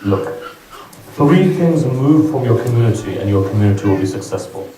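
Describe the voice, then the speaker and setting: A man's voice: mid-range voice, lively intonation, normal speed, warm tone. A man giving an emotional sermon to a gathering, pleading and repeating his lines. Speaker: preacher. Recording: echoey hall, from a distance.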